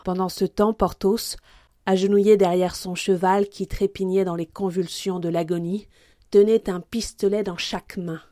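A woman's voice: mid-range voice, dark tone, no room sound. Woman reading aloud, dry close sound. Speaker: reader. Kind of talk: storybook reading.

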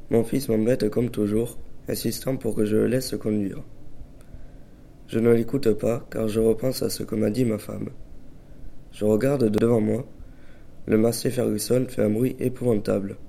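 A man voicing a weary farmer father who tells his day in the first person, his voice gravelly and very dark. He sounds low and brooding, preoccupied and short-tempered beneath the calm. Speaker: narrator of a farmer character. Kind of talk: first-person dramatic reading.

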